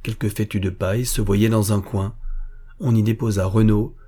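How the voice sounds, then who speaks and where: A man narrating a historical adventure novel in a steady storytelling manner. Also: fairly low pitch, normal speed, husky. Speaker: audiobook narrator. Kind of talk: scripted narration.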